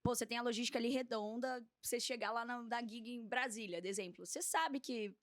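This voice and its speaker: A woman from São Paulo state, Brazil, hosting a casual podcast chat, chatty and agreeable with quick interjections. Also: a little high, dry recording, clean studio sound. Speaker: podcast host.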